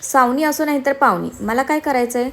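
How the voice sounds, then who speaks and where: A woman voicing a feisty, sharp-tongued young woman in a storybook reading. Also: sits high, brisk. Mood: sulky. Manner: snappy, sulky.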